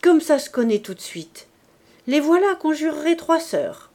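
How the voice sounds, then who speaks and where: Calculating innkeeper wife in a storybook reading, read by a woman, dark and measured. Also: on the high side, expressive. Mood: scheming. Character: scheming middle-aged innkeeper woman, shrewd.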